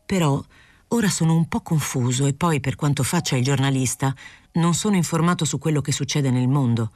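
A woman's voice: low voice, a little fast, a little mellow, dry recording. A woman voicing a hesitant, confused male journalist. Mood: perplexed. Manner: apologetic, self-justifying.

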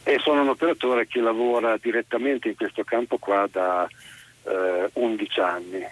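A middle-aged man from Turin calling in by phone to a talk radio show. He works as a counselor for violent men and explains things in a measured way, with frequent "eh" pauses. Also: fairly low pitch, steady tone, poor audio. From Turin, Italy. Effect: phone caller heard over the radio.

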